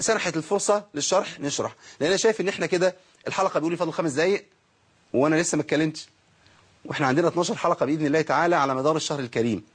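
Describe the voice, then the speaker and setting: A man's voice: fairly high pitch, breathy edge. A man with an Egyptian accent teaching Quran recitation rules in an online lesson, asking questions and answering them himself. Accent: Egyptian Arabic.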